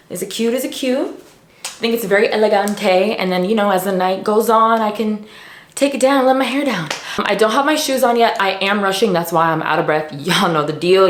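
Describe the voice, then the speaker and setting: A woman fashion vlogger chatting casually with viewers while getting ready, in a playful, talkative way. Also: medium pitch. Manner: chatty, playful, talks to viewers as "you guys" and "y'all". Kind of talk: casual get-ready-with-me chat. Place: hotel room. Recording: echoey hotel room.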